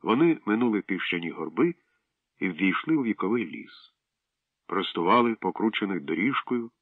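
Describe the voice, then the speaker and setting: A man reading a children's adventure story aloud in a steady, measured way. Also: low voice, no room sound, distant mic. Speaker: narrator. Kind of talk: audiobook narration. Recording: dry tinny phone-like sound.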